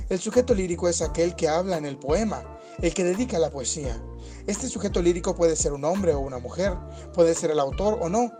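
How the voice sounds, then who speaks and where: A man giving calm, scripted educational narration for a lesson video, explaining steadily. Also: on the high side.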